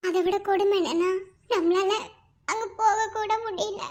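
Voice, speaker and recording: A voice artist playing a sensible, caring teenage schoolgirl in a cartoon, calm and reasonable. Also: very high voice, unhurried. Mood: grieving. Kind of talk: cartoon voice acting.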